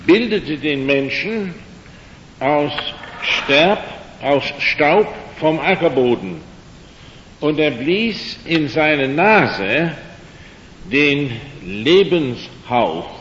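Speaking German as a non-native, this older male lecturer gives an evening talk about creation and faith, animated and a bit bright in tone. He goes slowly, pauses often, leans on fillers, and slips in dry jokes. Captured in a big reverberant hall, the audio is dull and lo-fi with a soft rumble beneath.

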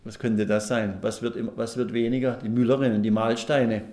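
A man's voice: on the low side, level tone, a little fast, warm tone. A middle-aged man preaching a sermon at a lectern, folksy and chatty, asking the congregation questions. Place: church hall at a lectern. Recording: echoey room.

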